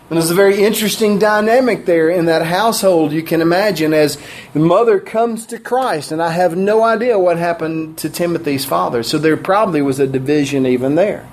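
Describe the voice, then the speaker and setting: High-voiced folksy preacher man. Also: a little mellow. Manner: folksy, chuckles at his own asides. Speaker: pastor. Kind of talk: sermon. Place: church sanctuary.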